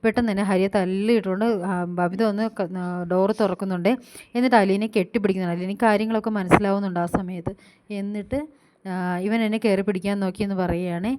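Woman rattling thru a serial recap super fast, mid pitch, crickets chirping behind. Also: steady tone, darkish tone. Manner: retells scenes quoting each character in turn, with frequent fillers. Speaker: serial review vlogger. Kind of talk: fast retelling of a TV serial episode.

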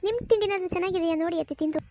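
A sassy, greedy young sister-in-law in a cartoon, played by a woman. She complains in a high, rapid voice. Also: noisy background. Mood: disgusted.

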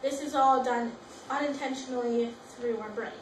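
A young woman presents a school project, reading her notes aloud and restarting words as she goes. Her voice sits high. She is picked up from a distance in a roomy, echoing space with faint background noise. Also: steady tone, moderate pace. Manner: reads from notes with frequent restarts. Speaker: student presenter. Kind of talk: class presentation. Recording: echoey room from far off.

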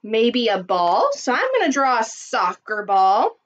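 A woman in her thirties leads a lesson for young children in the manner of a kids show host. Her voice is fairly high and her delivery very slow, with prompts to join in. The sound is slightly dull, as from a webcam in a small room. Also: very animated. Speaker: elementary school teacher.

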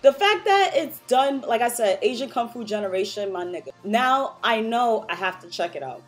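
A woman's voice: on the high side, animated, normal speed, soft background music. A young woman hosting a reaction video, chatting informally and slangily straight to her viewers. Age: young adult. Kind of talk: casual reaction video commentary. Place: small room at home, indoors.

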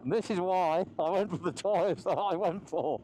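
A man's voice: high-pitched, moderate pace, mellow, slight background noise. A man riding a motorbike on mountain roads, chatting casually through a helmet mic, laughing often and swearing easily. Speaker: motorcycle vlogger. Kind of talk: casual ride commentary.

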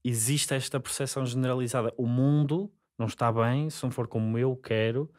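A man's voice: mid-range voice, fairly even intonation, a little fast, darkish tone. A man, hosting a podcast and pressing his guest with follow-up questions. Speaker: podcast host. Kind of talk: casual interview questioning. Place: small studio with acoustic foam. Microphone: desk mic on boom arm.

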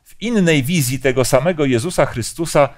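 A man's voice: on the high side, fairly quick. A man leading a Bible study discussion, explaining passages and asking the group questions.

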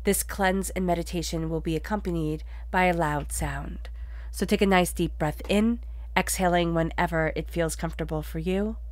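With allergies leaving her voice congested, a woman on the low side offers a chatty spiritual tarot reading at a moderate pace. The recording has no echo, and she earnestly restates her points for emphasis.

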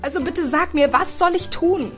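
A woman's voice: extremely high pitch, moderate pace, fairly bright tone, faint music behind, voice pushed up. Woman reading a panicked young brother. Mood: upset, pleading. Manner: urgent, pleading. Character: anxious young man, panicked older brother. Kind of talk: audiobook character voice.

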